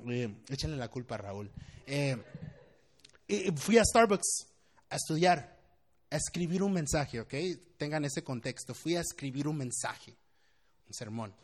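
A young man with a Mexican accent, a pastor telling funny stories in a sermon and often dropping English slang. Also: mid-range voice. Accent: Mexican Spanish. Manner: animated, humorous, laughs often, mixes in English slang. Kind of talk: storytelling sermon.

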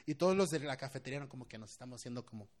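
A man's voice: medium pitch, racing. A young man with a Mexican accent, a pastor telling funny stories in a sermon and often dropping English slang. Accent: Mexican Spanish. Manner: animated, humorous, laughs often, mixes in English slang. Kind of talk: storytelling sermon.

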